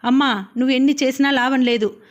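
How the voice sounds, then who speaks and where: A woman's voice: high voice, fairly even intonation, quick pace, muffled recording, lightly acted. A woman reading the part of a strict young woman who scolds her family in an insistent voice. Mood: scolding. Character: stern strict young woman, eldest sister.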